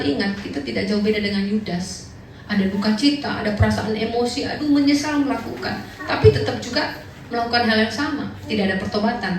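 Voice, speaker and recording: Woman pastor preaching in an echoey hall. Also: a little high. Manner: lively, humorous storytelling, acting out quoted people. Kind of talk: sermon. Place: large church hall. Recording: echoey, distant church recording with faint noise.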